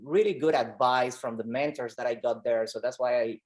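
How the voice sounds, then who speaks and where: A man from Rico speaks as a podcast guest, in a mid-pitched voice. He talks earnestly and haltingly, often repeating words as he gathers his thoughts. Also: a little mellow. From Puerto Rico. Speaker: pediatric oncologist guest. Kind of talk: conversational interview.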